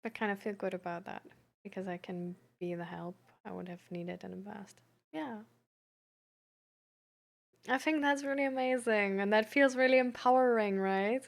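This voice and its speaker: Giggly and halting, a woman reads out messages and responds to them in the casual style of a livestream host, filling gaps with lots of "like." She has a gravelly, medium-pitched voice.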